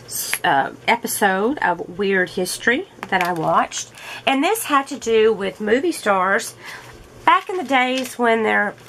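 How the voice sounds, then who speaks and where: Slow, gravelly-voiced woman chatting. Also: mid-range voice, expressive, fairly bright tone, slight background noise, low-quality recording. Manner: slow, rambling, chatty with laughs. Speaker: crafting channel host. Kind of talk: casual chat while crafting.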